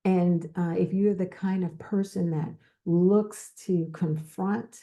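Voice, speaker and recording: Slow-speaking woman with a dark voice. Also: fairly low pitch, fairly even intonation. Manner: slow, repetitive, with pauses and restarts. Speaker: podcast host. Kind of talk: casual advice talk.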